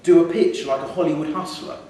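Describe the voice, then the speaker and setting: At a live theatre event indoors, a man reads a literary short story aloud in a mellow, steady voice that sits on the high side and moves a little fast. Captured by a distant mic, the audio is very echoey and carries faint noise.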